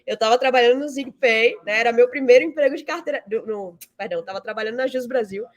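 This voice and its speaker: A woman from Salvador, Bahia, Brazil, a fintech founder and CEO, speaks as an interview guest, her voice fairly high and fast. She answers conversationally and explains things, frequently tagging her sentences with "né."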